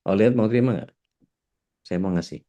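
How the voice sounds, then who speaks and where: A man's voice: lowish voice, brisk. A man, an Islamic preacher, talking casually and animatedly, acting out little scenes and mixing in English words. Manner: animated, acts out little scenes while explaining. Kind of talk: casual religious discussion.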